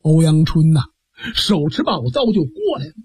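A man performing a traditional story, dramatic and lively, with asides to listeners. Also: a little high, moderate pace, slightly rough, no room sound, studio quality.

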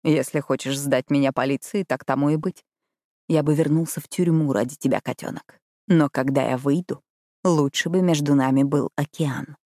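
A woman's voice: sits low, fairly even intonation, normal speed, no room sound, lightly acted. A woman voicing a brooding, dangerous ex-convict man who speaks dryly and darkly. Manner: dry, dark, growling delivery.

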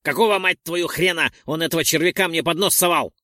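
A man's voice: a little high, a little fast, sharp tone, no echo, clean studio sound, voice pushed up. A man voicing a crude, hot-tempered man who swears and threatens. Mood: threatening.

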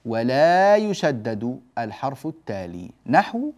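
A man teaching the rules of Quran recitation, explaining step by step, drawing on a board, checking that the class follows, and stretching out example words slowly. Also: mid-range voice, very animated, darkish tone. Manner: explains step by step and often asks the class "جيد؟". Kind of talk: classroom lesson on tajweed rules.

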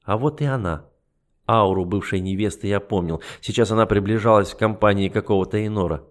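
A man reading first-person fantasy narration in a measured, even storytelling manner. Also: fairly low pitch. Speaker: audiobook narrator.

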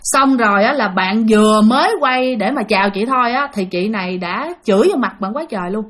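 A woman's voice: medium pitch, a little fast, fairly bright tone. A woman telling a ghost story in a chatty way, speaking directly to her listeners. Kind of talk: spoken ghost story narration.

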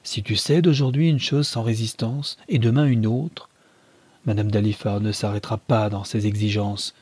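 A man puts on a domineering middle-aged mother from a storybook, lifting his dark, husky voice a little higher as she lectures in a string of emphatic rhetorical questions. The sound is close and dry. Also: fairly even intonation, normal speed, dry recording. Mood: lecturing.

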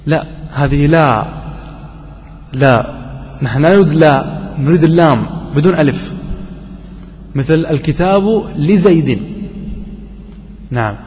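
A man teaching a classroom grammar lesson, quizzing his students and slowly repeating each example. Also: fairly high pitch, a little mellow. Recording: dull lo-fi recording with long reverb and faint noise.

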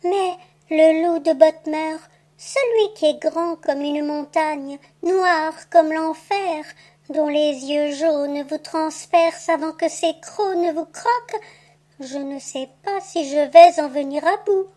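A cunning, boastful rabbit trickster, as a woman reader puts him on for a storybook. He talks high and unhurried with a teasing, playful slyness. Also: warm tone. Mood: fearful. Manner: sly, playful, theatrical. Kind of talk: audiobook tale reading.

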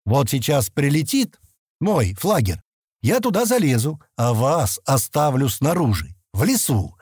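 A man's voice: medium pitch, sing-song, unhurried, darkish tone, slightly rough, no echo, studio quality, voice pushed up. A man doing an impatient, grumbling spaceman. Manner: grumbling, exasperated. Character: gruff young man, impatient, grumbling leader.

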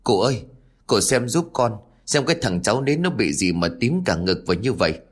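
A man's voice: on the low side, very animated, normal speed, slightly rough. A man playing an anxious village father. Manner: anxious, imploring.

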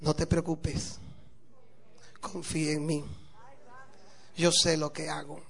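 A man voicing a calm, confident young husband who speaks slowly and softly in a reassuring way. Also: fairly high pitch, vocal fry, slightly rough, voice pushed down, full character voice. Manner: slow, soft, reassuring.

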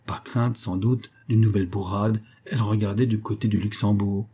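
A man narrating a classic novel as an audiobook in a measured, even reading. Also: lowish voice, husky.

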